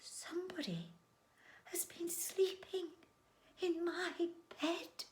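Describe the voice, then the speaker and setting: A woman voicing a gentle mother bear who speaks in a quiet, hushed voice. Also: very high voice, steady tone, slow, roomy sound, voice pushed up. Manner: hushed, soft.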